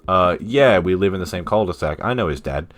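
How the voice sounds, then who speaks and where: A man streaming a dating game, reading its dialogue aloud with playful, jokey commentary and quick character voices. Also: low voice, slight background noise. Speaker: streamer playing a dating sim.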